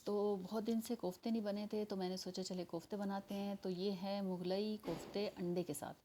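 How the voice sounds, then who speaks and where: Woman, Pakistani Urdu accent, cooking tutorial voice-over, mellow warm tone, talks viewers through each step. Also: medium pitch, little pitch movement, normal speed, slight background noise. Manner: chatty, explains step by step, addresses viewers directly. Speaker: home cooking channel host.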